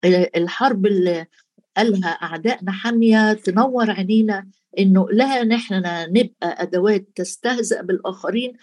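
Woman, Egyptian Arabic accent, sermon, talks straight to the listener, husky voice, middle pitch. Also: darkish tone. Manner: conversational, addresses listener directly. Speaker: preacher.

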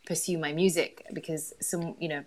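Chatty Yorkshire woman, low voice. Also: fairly even intonation, normal speed, a little mellow, slight background noise. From Yorkshire, England. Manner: chatty, self-deprecating, laughs often. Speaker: guest, employment lawyer. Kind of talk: casual interview chat.

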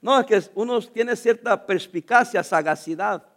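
A man preaches in church with a strikingly high voice. He swings from loud, pressing lines down to quiet ones and jokes with the congregation. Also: normal speed. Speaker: pastor. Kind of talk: sermon.

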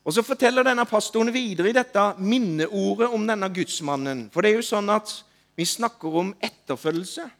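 A man preaching a sermon, telling stories in a lively way that rises to loud calls and drops to soft asides. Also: high-pitched. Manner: animated, rising to loud calls when retelling. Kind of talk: sermon with storytelling.

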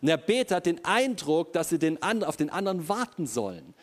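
A man's voice: on the high side, sing-song, brisk. A man preaching a sermon to a congregation, speaking animatedly and often repeating himself as he addresses the listeners directly.

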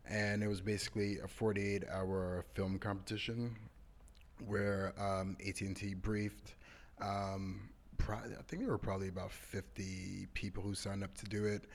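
A man co-hosting a casual podcast chat, relaxed and laid-back, often pausing with fillers. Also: on the low side. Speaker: podcast co-host.

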